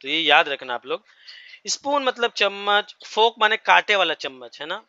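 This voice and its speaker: A man teaches English words to a class, stopping often to check that everyone is following. His voice is bright and fairly high, and it sounds dull and muffled, with a dry, close sound. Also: expressive, moderate pace, no echo. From India. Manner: explains each word with repeated checks to the class. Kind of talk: classroom vocabulary lesson.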